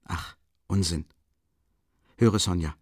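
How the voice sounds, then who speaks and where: A feverish, haunted young man murmurs in a weak, drained voice, as a man reads him. The tone is low and sits close and dry. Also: slow, breathy edge, no room sound, heavily acted. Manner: faint, murmuring and feeble.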